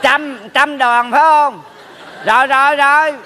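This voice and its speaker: A man's voice: very high-pitched, unhurried, sharp tone, some chatter behind, a little hiss or hum, heavily acted. A man playing a nagging old mother who scolds her son in a stage comedy sketch, drawling his words. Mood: chatty.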